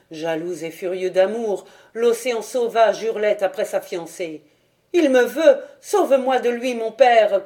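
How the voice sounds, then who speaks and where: Warm-toned woman narrating a legend. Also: mid-range voice. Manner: dramatic, expressive storytelling. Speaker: audiobook reader.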